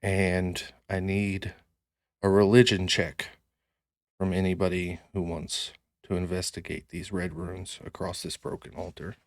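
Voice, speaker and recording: A man with a very deep voice narrates a fantasy game as game master. He is slow and dramatic, placing short phrases deliberately, in a dry, close recording. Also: little pitch movement, dry recording.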